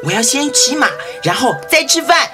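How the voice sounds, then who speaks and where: A woman's voice: high voice, sing-song, normal speed, music in the background. A woman voicing a spoiled little boy who whines and makes demands in a storybook drama. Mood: gleeful. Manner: whiny, demanding, giggly.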